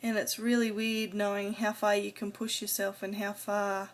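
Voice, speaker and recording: With a completely flat delivery, a woman of medium pitch talks at normal speed. As a vlogger, this adult speaks casually to camera in a personal video diary, rambling with some hesitation and trailing off.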